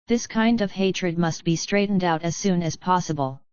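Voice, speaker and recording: A woman voicing a calm, powerful male demon master who speaks in an unruffled, gently commanding way, in a dry, slightly dull recording. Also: on the low side, normal speed, clear, resonant tone, dry recording, natural voice.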